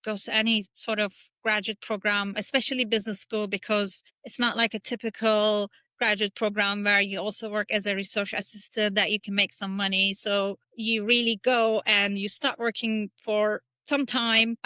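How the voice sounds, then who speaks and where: A woman's voice: mid-range voice, little pitch movement, normal speed, few pauses, pushed and bright, clean tone, dry recording. A middle-aged woman from Turkey, a podcast guest talking casually and thoughtfully, with frequent fillers and restarts. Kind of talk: casual interview talk.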